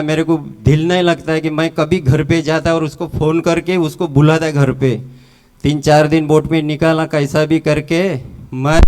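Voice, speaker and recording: A middle-aged man shares his testimony in a casual storytelling way and slips into the voices of people he met. His voice sits slightly high and sounds smooth and clear. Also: a little mellow. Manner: casual storytelling, acting out dialogue. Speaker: testimony speaker. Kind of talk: church testimony.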